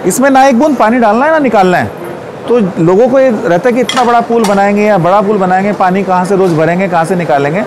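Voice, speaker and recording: A man in his forties giving a confident, persuasive sales pitch at a stall in a large exhibition hall. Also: fast, background noise. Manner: confident, persuasive, gestures while explaining. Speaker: pool company representative.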